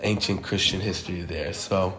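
A man's voice: sits low, steady tone, normal speed, reverberant, over music. A man interviewing his wife in casual chat, playful and teasing, often repeating himself. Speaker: interviewer, host's husband.

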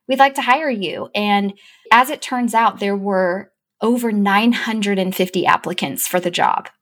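Animated woman telling a story. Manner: animated, gets high and excited when quoting herself. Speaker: guest; chief operating officer. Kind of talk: casual storytelling interview.

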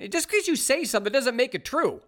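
A man's voice: extremely high pitch, brisk. A man hosting a talk show, delivering a sarcastic, opinionated commentary monologue. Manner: sarcastic, mocking, animated.

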